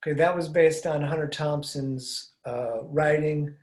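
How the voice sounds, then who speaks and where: An older man hosts a casual conversational interview podcast from an indoor room at home with blinds, wearing headphones and speaking into a boom-arm studio mic. His curious, rambling questions often trail off, delivered in a steady, slightly slow, darkish voice with roomy, echoey sound.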